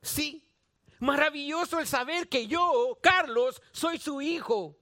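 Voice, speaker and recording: A man with a Guatemalan Spanish accent preaches a sermon in a very high, bright voice. He speaks slowly and deliberately, repeating phrases for emphasis and putting direct questions to his listeners. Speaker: pastor.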